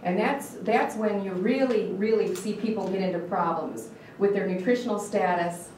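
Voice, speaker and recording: Picked up from a distance in an echoey room, a Michigan dietitian with a local accent gives an earnest talk and questions a live audience, often restarting her words. Her medium-pitched voice is a little mellow and moves at normal speed over a slight hiss or hum.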